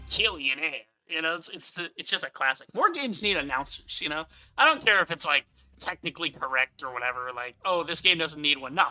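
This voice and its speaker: A man's voice: fairly high pitch, pushed and bright, poor audio. A man giving casual game commentary as a streamer, rambling as he thinks aloud and swearing casually. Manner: casually profane.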